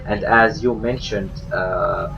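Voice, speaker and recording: A man co-commentating a game stream, speaking loosely with many fillers and quick agreements. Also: lowish voice, steady tone, vocal fry, muffled recording, over music. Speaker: co-commentator and team coach.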